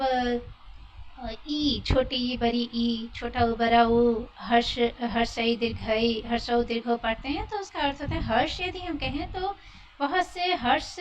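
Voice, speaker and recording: A woman's voice: high voice, recorded from a distance, poor audio. A woman teaching a Hindi lesson, patiently demonstrating and repeating sounds. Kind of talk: explanatory lesson.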